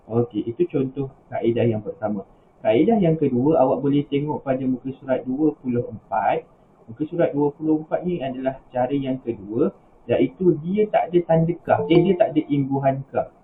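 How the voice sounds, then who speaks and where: A male teacher with a Malaysian Malay accent leads an online class, patient and step by step. His voice comes through a tinny, phone-like video call line with a faint hiss behind it. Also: medium pitch. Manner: patient, explains step by step with rising example questions. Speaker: religious school teacher.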